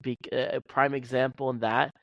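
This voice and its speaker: A man's voice: mid-range voice, flat delivery, normal speed, gravelly, dry recording, highs cut off. A man co-hosting a casual podcast, rambling with many restarts and fillers. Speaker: podcast co-host. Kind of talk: casual chat.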